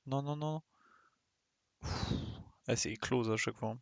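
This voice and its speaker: A streamer with a gravelly, mid-range voice mutters to himself while playing a video game, thinking aloud at a slow pace. His casual commentary is colloquial, with mild swearing, and the audio has no room sound.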